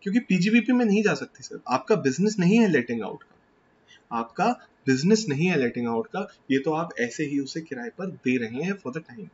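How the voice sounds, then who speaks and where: A man with an Indian accent gives a classroom lecture on tax, his voice sitting a little high for a man. He switches freely between Hindi and English and keeps putting questions to the class before answering them himself. The recording is slightly dull, with faint noise underneath. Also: lively intonation, moderate pace.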